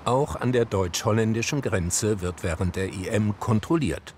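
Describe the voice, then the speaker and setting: A man's voice: fairly low pitch, normal speed, noisy background. A man giving scripted TV documentary narration with a dry, wry delivery.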